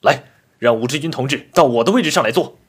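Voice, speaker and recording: A man's voice: medium pitch, lively intonation, quick pace, husky, pitched above the performer's own voice. A man playing an earnest soldier who speaks solemnly and firmly. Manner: solemn, firm. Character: dignified male army soldier, earnest.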